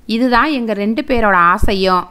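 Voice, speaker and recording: Woman doing a sorrowful storybook mother, pleading, slow. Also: fairly high pitch, animated, pushed and bright, clean tone. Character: tearful mother grieving over her daughter.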